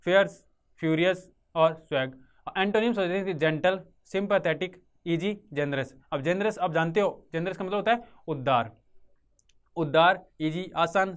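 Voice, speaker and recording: A man with a Rajasthani Hindi accent teaching an English vocabulary class for exam prep. He repeats each word and asks and answers his own questions, recorded on a close mic in a classroom or studio with a writing board. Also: sits high.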